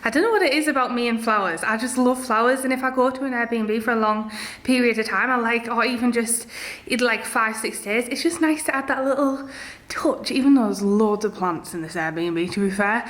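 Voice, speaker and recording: A woman's voice: a little high, a little fast, fairly bright tone. A young woman chatting casually to camera in a vlog, a little tired and out of breath, rambling with fillers. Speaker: vlogger.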